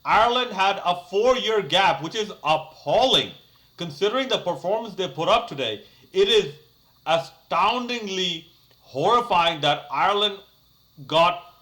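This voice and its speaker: A young man runs a cricket review channel and talks through a match on his own in a casual, unscripted way. With a bright voice pitched a little high, he rambles chattily, keeps restarting sentences, and plugs pauses with "uh" and "like."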